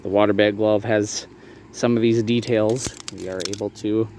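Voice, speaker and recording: A man giving a casual, explanatory product showcase for a video, talking in a halting, hedging way. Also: fairly low pitch, fairly even intonation, darkish tone. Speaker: maker showing a handmade prop replica for sale. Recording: clear background ambient noise.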